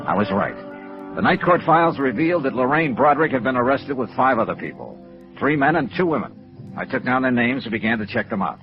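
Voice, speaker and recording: A medium-pitched male voice carries this 1950s radio noir, the American lead acting and narrating as a wry, persistent freelance insurance investigator in the private-eye mold. The tone is clipped and matter-of-fact, and the vintage recording sounds dull, with music underneath.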